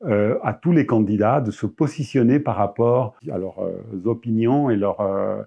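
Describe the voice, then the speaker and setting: A middle-aged man from Argentina, a research scientist, giving a measured interview statement with frequent hesitations and repeated words. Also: lowish voice, gravelly, slightly rough, dull audio.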